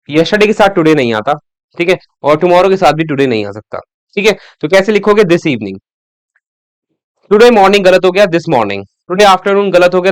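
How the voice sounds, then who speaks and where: A man teaching an exam-prep English grammar lesson in a Hindi-English mix, explaining step by step, checking in with "ठीक है" and reading English example sentences slowly. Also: a little high, no echo.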